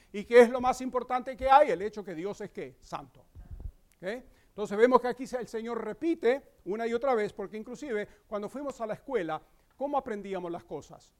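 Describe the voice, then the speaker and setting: A male pastor preaching a sermon, explaining scripture and asking the congregation rhetorical questions. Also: high-pitched. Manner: reads scripture aloud with slow emphasis.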